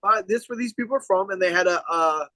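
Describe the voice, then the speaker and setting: A man's voice: high-pitched, fast talker, sharp tone, dry recording, low-quality recording. A young man co-hosting a podcast outdoors, brash and rambling, swearing constantly in casual chat. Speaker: podcast co-host.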